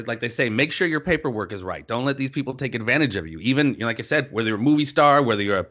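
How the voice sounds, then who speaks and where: A man hosting an interview, chatty and rambling, with quick asides. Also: mid-range voice, lively intonation, a bit bright, lo-fi sound. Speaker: interview host. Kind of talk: casual interview chat.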